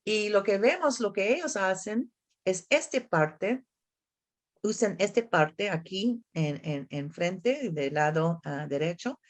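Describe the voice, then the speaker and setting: With a mid-range voice and lively intonation, a woman from the United States speaks slowly while giving a talk as an academic expert. She offers explanatory answers in a conference discussion, halting and searching for words in a second language, and often seeks agreement through tag questions.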